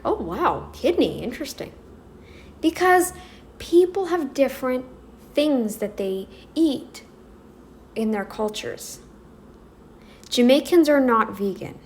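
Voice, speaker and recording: A woman's voice: on the high side, a little hiss or hum. A North American woman rambling through an emphatic opinion commentary, speaking straight to her viewers. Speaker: commentary vlogger.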